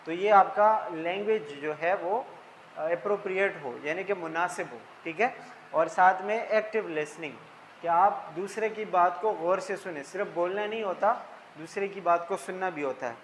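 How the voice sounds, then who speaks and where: Guy tutor going through slides, kinda high voice, keeps saying ok ok and breaking stuff down simple, bit of hiss. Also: normal speed, poor audio. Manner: explains terms in simple words, repeats "ठीक है". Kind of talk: slide-based lecture.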